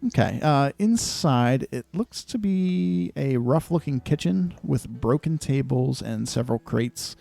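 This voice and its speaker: Brief: dark, gravelly male game master, unhurried scene-setting. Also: mid-range voice, expressive. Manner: measured descriptive narration with many fillers. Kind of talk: narrating a tabletop game.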